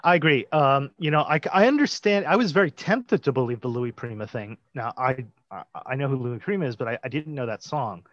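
A man co-hosting a podcast in casual chat, animated, laughing now and then and acting out what he once thought. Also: medium pitch, fairly quick, no echo. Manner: animated, laughs, acts out quotes. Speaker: podcast co-host. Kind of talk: casual chat about a TV episode. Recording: dull lo-fi dry sound.

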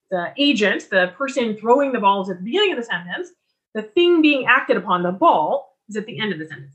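A woman giving a recorded lecture on writing, explaining clearly and restarting her sentences as she talks. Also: mid-range voice, a bit bright, lo-fi sound. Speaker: writing instructor.

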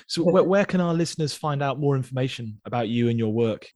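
A man hosts a podcast, asking questions and then summing up his thoughts in a measured, earnest manner. His voice sits at a middle pitch. He sounds reflective and engaged. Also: animated, darkish tone. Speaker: podcast host. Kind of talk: interview and reflective monologue.

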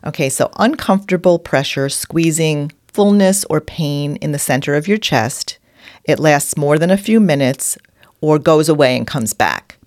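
A woman's voice: sits low, animated, moderate pace, darkish tone, no echo, clean studio sound. A woman with a New York accent co-hosting a conversational health discussion. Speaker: podcast co-host.

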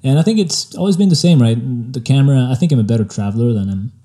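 A man's voice: medium pitch, fast talker. A young man with a French accent, a photographer being interviewed, talking casually and reflectively with frequent fillers. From Spain. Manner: relaxed, laid-back and reflective, with frequent fillers. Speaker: photographer guest.

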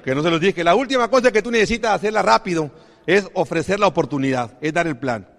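High-voiced man, motivational talk. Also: animated, fast, gravelly, a bit bright. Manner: emphatic, keeps asking the audience questions. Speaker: business opportunity speaker. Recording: long reverb of a large hall.

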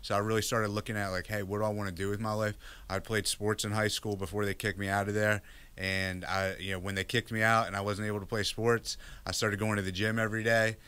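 Low, flat-voiced man, bright and clear. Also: fast talker. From Virginia, United States. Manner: candid, restarts with many fillers. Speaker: guest. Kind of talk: casual interview.

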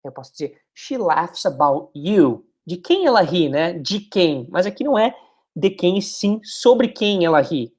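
Woman teaching slow English drills. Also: lowish voice, big pitch swings, a little mellow, slightly rough. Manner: slow, drawn-out English model phrases between quick asides in Portuguese. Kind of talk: English lesson with repeat-after-me drills.

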